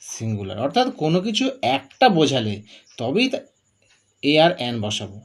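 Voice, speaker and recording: A man's voice: medium pitch, wildly swooping pitch, normal speed. A man teaching grammar, who asks questions and answers them himself while drilling through examples. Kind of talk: classroom-style explanation.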